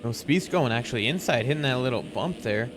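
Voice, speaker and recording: A man's voice: mid-range voice, animated, fairly quick, background noise. A man giving live motorsport race commentary in an informal, conversational play-by-play style.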